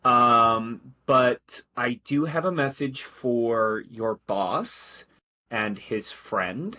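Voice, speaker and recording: A man's voice: mid-range voice, animated, drawn-out words, bright, forceful tone, full character voice. A man voicing a weary, sarcastic male military lieutenant in a tabletop game. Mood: tired. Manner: sarcastic, questioning.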